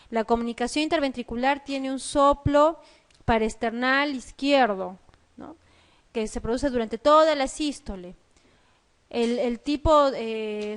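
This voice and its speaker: Peruvian lady going over exam questions, high clear voice, lots of rhetorical questions. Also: a little mellow. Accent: Peruvian Spanish. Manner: explains step by step, asks rhetorical questions. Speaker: medical lecturer. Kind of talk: exam review lecture.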